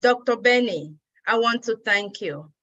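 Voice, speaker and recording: A woman's voice: fairly high pitch, animated, measured pace, a bit bright, dull audio. A woman from Cameroon giving an earnest, grateful personal speech at a women's day event.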